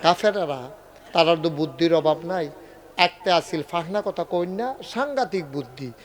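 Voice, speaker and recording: A man preaching a waz sermon, telling stories with acted dialogue, often climbing to near shouts and drawing laughs with colloquial humor. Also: fairly high pitch, lively intonation, moderate pace. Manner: dramatic storytelling, acting out dialogue, rising to near shouts.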